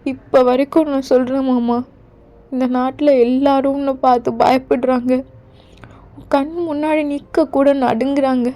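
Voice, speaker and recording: A woman voicing a gentle young queen who pleads softly with her husband in a fan audio drama, over faint music. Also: high voice, flat delivery, normal speed, close to an everyday voice. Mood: pleading.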